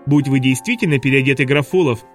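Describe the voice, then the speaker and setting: A man voicing a clever young boy who speaks in a higher, falsely cheerful voice. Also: quick pace, soft background music, natural voice. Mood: fake cheerful. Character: clever bespectacled boy, feigning jokes.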